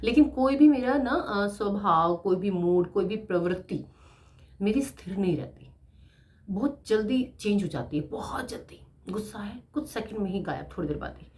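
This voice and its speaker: Chatty, animated woman teacher. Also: medium pitch, normal speed. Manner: chatty, animated, laughs often. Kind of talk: casual motivational talk.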